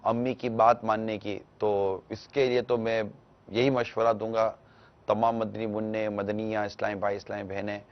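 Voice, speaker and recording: A man answering a caller's question on a religious talk show, explaining gently and instructively and acting out small household exchanges. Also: lowish voice, level tone, clear, resonant tone, highs cut off. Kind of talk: televised religious advice talk.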